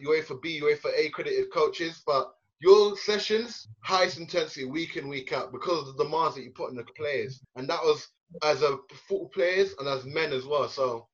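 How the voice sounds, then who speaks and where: Earnest young man reminiscing, slightly high voice. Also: husky. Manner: reflective, earnest, halting with fillers. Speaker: podcast co-host, former youth player. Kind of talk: casual podcast chat. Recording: dull lo-fi podcast recording.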